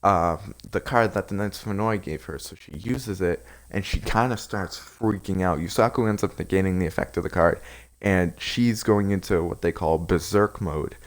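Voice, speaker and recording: A man's voice: low voice, normal speed. A man recapping anime episodes in a casual, rambling way, with lots of fillers and restarts. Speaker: anime reviewer.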